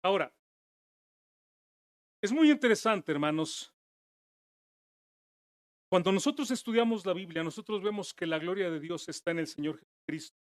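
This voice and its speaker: A man preaching a sermon as pastor, earnest, dropping his voice low and soft and then rising to emphatic declarations. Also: lively intonation, normal speed, pauses often, no room sound, studio quality. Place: church.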